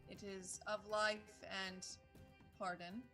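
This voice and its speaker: A woman's voice: medium pitch, flat delivery, takes it slowly, sharp tone, faint music behind. A woman playing an earnest, defiant living traveler in a tabletop game, with formal, emphatic phrasing. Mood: pleading.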